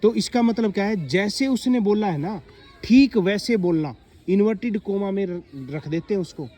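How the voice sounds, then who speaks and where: High-pitched guy teaching little kids, keeps asking them questions, reads sentences out slow. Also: expressive, warm tone. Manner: repetitive questioning, drawn-out reading of example sentences. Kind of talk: classroom explanation to children.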